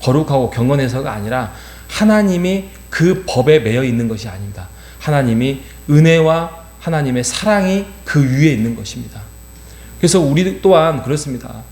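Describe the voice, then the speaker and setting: The roomy church recording, faintly humming, captures a middle-aged pastor's earnest early-morning sermon, which is peppered with fillers and rhetorical questions. His voice has medium pitch, a darkish tone, and lively intonation at a moderate pace.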